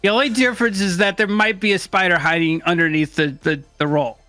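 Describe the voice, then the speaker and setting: High bright guy joking around as co-host, dry close sound, bit of music. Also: steady tone, a little fast, no echo. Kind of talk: casual chat.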